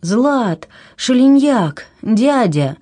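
Brief: reader doing a proud young noblewoman, raised, lively, commanding. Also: mid-range voice, extremely slow, pitched above the performer's own voice, exaggerated voice. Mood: eager.

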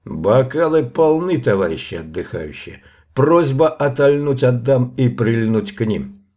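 Sing-song flirty reveller, tipsy and teasing, voiced by a male storyteller, low mellow tone. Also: sing-song, unhurried. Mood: jovial. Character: playful lecherous tipsy man at a party.

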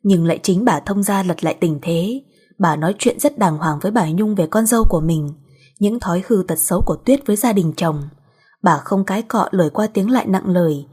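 A woman narrating a family drama story in a steady, expressive reading voice. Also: medium pitch, moderate pace, breathy edge.

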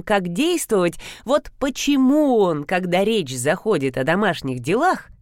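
Expressive woman reading an audiobook. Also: medium pitch, no room sound, studio quality. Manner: expressive, amused. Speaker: audiobook reader. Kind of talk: first-person audiobook narration.

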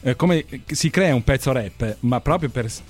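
A man's voice: medium pitch, lively intonation, normal speed, faint music behind. A man hosting a radio show in a conversational presenting style. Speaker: radio host.

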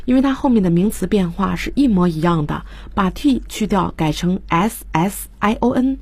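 A woman's voice: medium pitch, lively intonation, normal speed, a little mellow, husky, no echo. A woman teaching English words on a radio lesson, explaining each word and spelling it out letter by letter. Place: radio studio.

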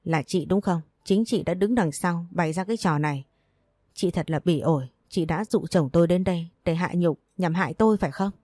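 A furious young wife, wronged and desperate, firing off accusations at high speed, as a woman reading the audiobook puts her on. The voice stays low and mellow under the anger, in a dry, close recording. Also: no echo, lightly acted. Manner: rapid, shouting accusations.

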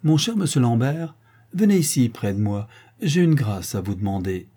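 A man's voice: mid-range voice, big pitch swings, normal speed, dark tone, slightly rough. A man reading the part of a gracious, affable society hostess in a storybook reading.

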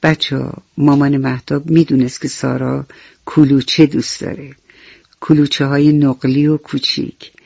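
Gravelly woman telling a bedtime story. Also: a bass voice, level tone, a little mellow, no room sound. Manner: affectionate, speaks directly to children. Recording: dull lo-fi radio recording.

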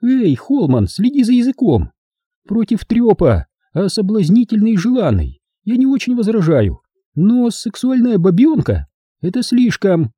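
Man putting on a sharp prim secretary woman. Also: high voice, huge pitch swings, normal speed, husky, no echo, studio quality, voice pushed up, full character voice. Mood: indignant. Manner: sharp and indignant. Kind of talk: audiobook reading.

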